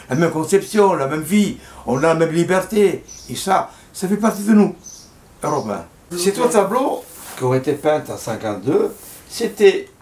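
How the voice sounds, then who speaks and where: An older Italian painter speaks French with an Italian accent in a reflective personal monologue about his life and his paintings. His voice is on the high side, and he talks in a halting, heartfelt way, stumbling over repeated words, with a roomy echo on the recording.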